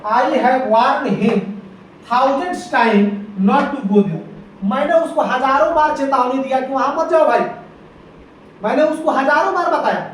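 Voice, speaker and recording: High-voiced male teacher in echoey room. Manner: repeats key points with frequent check-ins. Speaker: English grammar teacher. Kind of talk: exam-prep lesson. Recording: echoey room, distant mic, faint noise.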